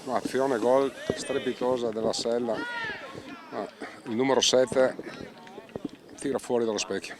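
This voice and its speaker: A man's voice: medium pitch, steady tone, unhurried, long pauses. A man giving live amateur football commentary mixed with casual chat, restarting phrases as play unfolds. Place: outdoors beside an amateur football pitch. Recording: outdoor recording with crowd noise.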